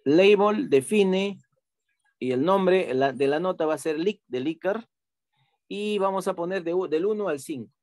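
Patient male teacher talking through software steps. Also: a little high, normal speed, no room sound, clean studio sound. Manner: patient, repeats steps, frequent tag questions. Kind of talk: online class software tutorial.

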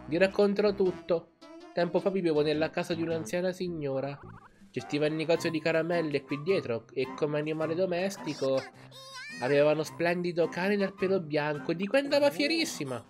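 A man's voice: on the high side, brisk, darkish tone, soft background music, lightly acted. A man voicing a teasing little male cat spirit from a video game, who tacks a cat-like sound onto his lines. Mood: explaining. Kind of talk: reading game dialogue aloud.

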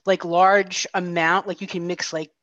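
A woman's voice: fairly low pitch, flat delivery, a little slow, fairly bright tone, dry recording. A middle-aged woman co-hosting a casual chat over a video call with a headset, talking in a friendly way with lots of fillers. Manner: chatty, friendly, filler-heavy. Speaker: co-host. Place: home room. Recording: dull, dry video call audio.

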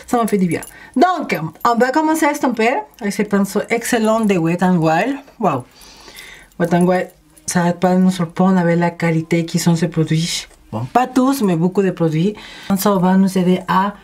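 A woman beauty vlogger talking viewers through a makeup tutorial in a casual, chatty and energetic way, speaking straight to her audience. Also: mid-range voice. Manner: addresses viewers directly.

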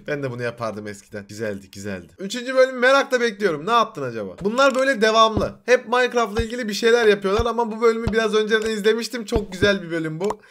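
A young man with a Turkish accent giving an excited reaction commentary, with loud exclamations, laughs and teasing slang. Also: sits high, noisy background. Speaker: YouTuber reacting to an animation.

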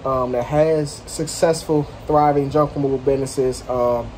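A man's voice: mid-range voice, fairly even intonation, measured pace, a little mellow, slight background noise. A man running a junk removal business, talking loosely to camera outdoors at a house, with lots of fillers and slang. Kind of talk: casual vlog talk to camera.

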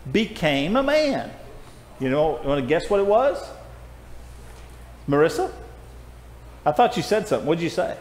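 An older man with a fairly high pitch runs a children's Bible class in a church auditorium, warmly urging the kids on and calling them by name. The recording comes from a distant camera, sounding echoey with faint noise.

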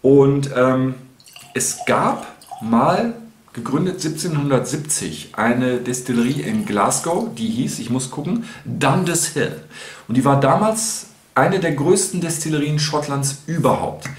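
A man's voice: medium pitch, animated, unhurried, roomy sound, slight background noise. A man in his sixties hosting a whisky review at home, chatting casually with many restarts and fillers. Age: 60s. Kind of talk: casual chat. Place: home room with shelves.

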